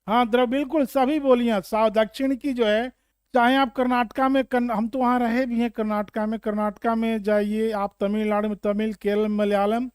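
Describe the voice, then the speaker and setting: A man teaching Hindi literature for exam prep, explaining slowly and repeating points with questions to students. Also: very high voice, little pitch movement, smooth, no echo, studio quality.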